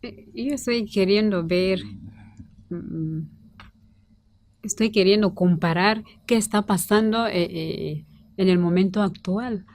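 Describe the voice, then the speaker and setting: A woman teacher weighing her words in a studio debate, pausing often with filled pauses as she builds her point. Her voice sits at an ordinary pitch for a woman. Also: a little mellow, dry recording. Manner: hesitant, many filled pauses. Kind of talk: roundtable debate.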